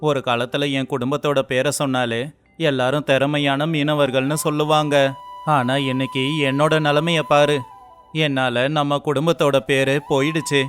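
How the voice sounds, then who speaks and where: A man's voice: on the high side, flat delivery, moderate pace, fairly bright tone, soft background music, natural voice. A man playing a poor young fisherman who is despairing but kind, speaking earnestly and with feeling in a storybook tale. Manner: earnest and emotional.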